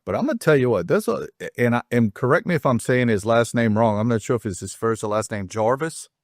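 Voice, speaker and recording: A middle-aged man hosts a casual talk show about high school sports, rambling chattily, often restarting his sentences and cracking self-deprecating jokes. He's expressive and fairly quick, recorded at studio quality without echo.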